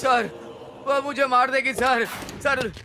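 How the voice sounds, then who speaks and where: A man's voice: extremely high pitch, fairly even intonation, slow pace, sharp tone, a little hiss or hum, exaggerated voice. A man dubbing a terrified older man who flees a ghost and begs for help in panic. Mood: panicked. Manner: begging in panic. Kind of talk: Hindi film dubbing.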